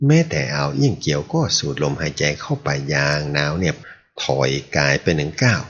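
A man narrating a martial arts novel as an audiobook reader, in a steady storyteller's read. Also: rumbling low, fairly quick, gravelly, a little hiss or hum. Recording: dull lo-fi audio.

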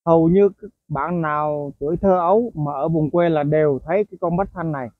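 In a tinny, dry, phone-like recording, a man with a slightly high voice talks a little fast about songbirds as host of a bird-keeping video. His narration is casual and explanatory, chatty, packed with fillers and asides, and often aimed straight at viewers.

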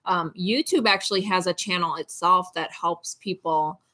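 A woman's voice: fairly low pitch, moderate pace, pushed and bright. A young woman co-hosting a live stream, reading viewer messages aloud and chiming in with agreement. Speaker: co-host reading super chats. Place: small home studio room.

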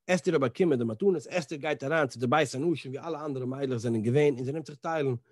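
A man teaching a Torah class as a rabbi, telling the story in an animated way, acting out the dialogue and mixing in English words. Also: medium pitch, racing, dry recording, studio quality. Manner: animated, acts out the dialogue in different voices.

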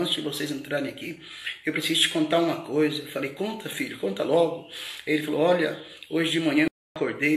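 Gravelly fervent Brazilian preacher. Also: male voice, mid-range voice, reverberant. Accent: Brazilian Portuguese. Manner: fervent, rising to shouts in retold dialogue. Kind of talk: testimony sermon.

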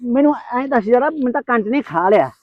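A man's voice: extremely high pitch, lively intonation, fairly quick, highs cut off. A man playing a reluctant trader turned farmer in a rural comedy skit, complaining and repeating himself. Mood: weary complaining. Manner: complaining, protesting, repeats phrases.

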